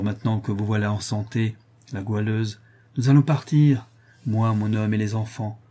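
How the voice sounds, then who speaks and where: A man reading aloud and voicing a rough, outspoken working-class woman in an audiobook. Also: lowish voice, dark tone. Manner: gruff and outspoken.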